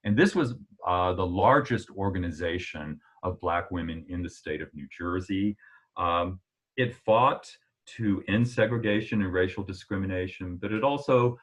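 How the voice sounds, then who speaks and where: A man giving an illustrated history lecture in a relaxed, conversational way, with frequent "uh" fillers and sudden jumps in pitch for emphasis. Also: moderate pace.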